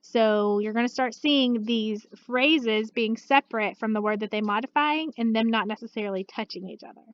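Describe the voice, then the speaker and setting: A woman teacher walking students through a recorded grammar lesson, patient and steady, checking in often with "okay.". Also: on the high side, moderate pace, hardly any pauses, no room sound, highs cut off. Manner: patient, steady, uses many "okay" and "all right" check-ins. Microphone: computer mic.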